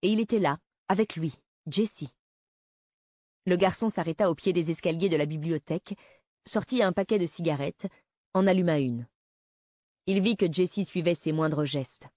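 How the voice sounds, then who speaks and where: A woman narrating a novel in a steady, measured reading style. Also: lowish voice, dry recording, clean studio sound. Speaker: audiobook narrator. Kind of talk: scripted narration.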